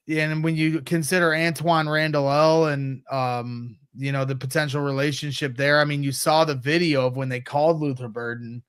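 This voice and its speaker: Excited guy guesting on a sports podcast, bright clear voice, bit high. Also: moderate pace, no echo, studio quality. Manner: eager, excited fan talk. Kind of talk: casual sports podcast chat.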